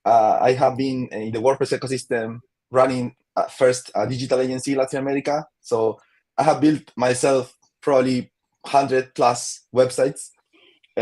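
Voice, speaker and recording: A man's voice: medium pitch, darkish tone. A man from Chile with a Chilean Spanish accent, a guest in a casual interview, talking with many fillers and restarts and laughing easily.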